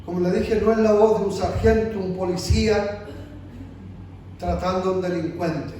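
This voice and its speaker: A man's voice: high voice, fairly even intonation, moderate pace. A man preaching a sermon in a pleading, emphatic way, recorded from a distance in a room. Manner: emphatic, pleading, acts out God calling softly. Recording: echoey church room from far off, faint noise.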